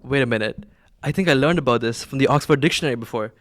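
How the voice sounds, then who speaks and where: A flustered, earnest mother fumbles through halting questions, as a man reads her lines aloud. She sounds awkward and unsure in an amateur fanfic reading. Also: mid-range voice, fairly bright tone, no echo, clean studio sound, natural voice. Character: flustered middle-aged mom, earnest and awkward.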